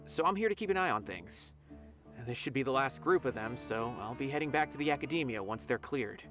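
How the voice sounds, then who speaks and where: With a fairly quick, expressive delivery close to his everyday voice, a man in a medium pitch plays a friendly young academy officer who earnestly and politely relays news. The game dialogue has loud music playing underneath.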